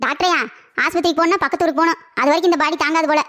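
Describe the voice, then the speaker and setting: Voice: very high voice, fairly even intonation, rapid-fire, background noise. A man voicing a cheeky young husband in a comic cartoon, with a playful, pleading way of talking. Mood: sly.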